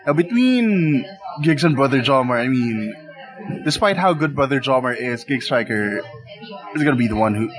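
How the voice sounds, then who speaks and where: An excitable man co-hosting a casual chat, hyping things up and laughing. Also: medium pitch, moderate pace, a crowd in the background, low-quality recording. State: talking with his mouth full. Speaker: podcast co-host. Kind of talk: casual chat about wrestling picks.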